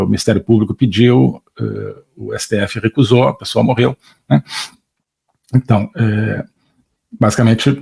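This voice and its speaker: A middle-aged Brazilian man lectures with a gravelly, husky voice sitting a little low. He talks haltingly, padding his points with fillers and tag questions as he explains ideas. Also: darkish tone. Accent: Brazilian Portuguese. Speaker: political lecturer. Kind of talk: online political lecture.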